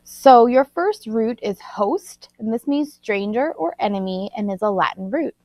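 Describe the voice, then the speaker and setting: Slow, deliberate woman teacher, gravelly tone. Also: on the high side, animated, dark tone. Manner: slow, deliberate word-by-word spelling and enunciation. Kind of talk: recorded vocabulary lesson. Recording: dull lo-fi recording.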